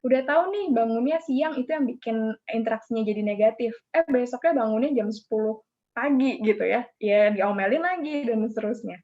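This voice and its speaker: A woman psychologist talks through practical advice in a relaxed, conversational way, with a somewhat high voice. She often closes sentences with a casual tag word. The audio is dull and lo-fi. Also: a little fast. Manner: relaxed, informal, frequent "gitu" tag and "apa namanya" fillers. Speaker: psychologist guest. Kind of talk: casual explanatory advice talk.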